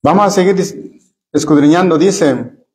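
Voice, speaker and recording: A man's voice: on the high side, a little slow, a little mellow. A man leading a church Bible study sermon, earnestly addressing his listeners as brothers and often repeating words as he searches for phrasing.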